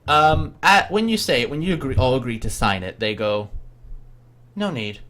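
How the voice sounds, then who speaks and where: A man casually narrating a tabletop game as game master, in halting, improvised phrases. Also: medium pitch, sing-song, a bit bright. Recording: faint background noise.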